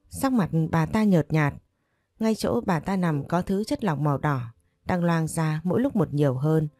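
A woman narrating a short story in first person, calm and steady, at a close mic. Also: lowish voice, no echo.

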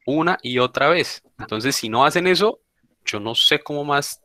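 A man's voice: on the high side, lively intonation, normal speed, sharp tone, dry recording. A man teaching an online English class, speaking informally and insistently and repeating his points. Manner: informal, calls students "papá", insistent repeating. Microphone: video call.

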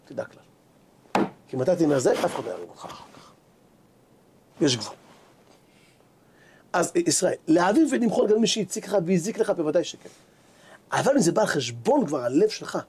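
In a husky, high-pitched voice, a rabbi preaches a Hebrew sermon built around stories as part of a Torah lesson. He is a lively storyteller who voices both people in the dialogue himself.

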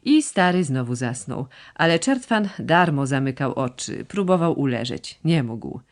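A woman narrating a classic novel as an audiobook, reading with expressive, varied intonation. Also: very deep voice, measured pace. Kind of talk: scripted literary narration.

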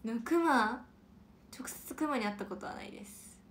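A young woman hosting a casual livestream and reading out viewer comments, with a chatty, playful manner and soft whispered asides. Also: fairly high pitch, animated, moderate pace, a little hiss or hum. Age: young adult.

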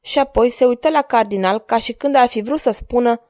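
A woman with a Romanian accent narrating an audiobook from a script in a measured, dramatic storytelling manner. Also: a little high, darkish tone, no echo, studio quality.

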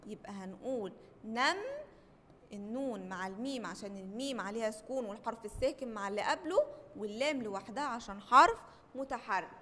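High-voiced Egyptian woman teacher, echoey. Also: quick pace, a bit bright, a little hiss or hum. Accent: Egyptian Arabic. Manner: asks questions and answers them herself, call-and-response. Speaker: primary school teacher. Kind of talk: children's classroom lesson.

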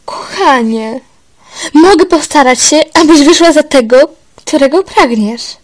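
A woman's voice: high voice, lively intonation, unhurried, pitched above the performer's own voice. A woman reading the lines of a caring palace matron in a coaxing, reassuring voice.

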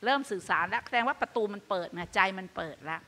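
An older woman hosting a radio show, giving earnest, animated Buddhist advice in a meditation hall. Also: medium pitch, fast talker. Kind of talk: dharma talk on live radio. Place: meditation hall with a live audience.

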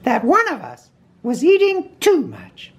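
A woman's voice: high voice, wildly swooping pitch, measured pace, voice pushed up, full character voice. A woman voicing a prim, fussy male rabbit from a children's storybook, with bossy politeness and an officious manner. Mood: stern. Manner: clipped politeness, stern and officious.

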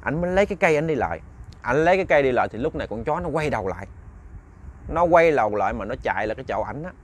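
A man's voice: medium pitch, big pitch swings, racing. A man with a Southern Vietnamese accent telling a ghost story, chatty and talking straight to his listeners. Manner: chatty, addresses listeners directly.

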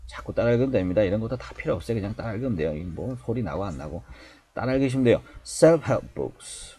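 A middle-aged man teaching a spoken English lesson, animated and repeating phrases slowly for learners to copy. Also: on the low side.

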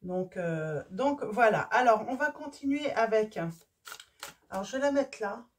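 A woman with a hoarse voice reading tarot cards for her viewers, casual and hesitant, often stopping to search for words. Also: a little high, unhurried, far from the mic. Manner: hesitant, many fillers and restarts. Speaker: tarot reader. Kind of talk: casual card-reading video.

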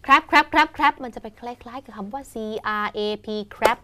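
Young woman host, higher voice, animated language teacher in a studio. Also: normal speed. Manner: animated, spells out and drills pronunciation. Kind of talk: casual educational chat.

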